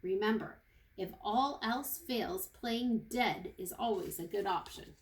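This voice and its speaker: A woman reading a children's storybook aloud like a kindergarten teacher, with expressive, deliberate phrasing for young listeners. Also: medium pitch. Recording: echoey room with faint noise.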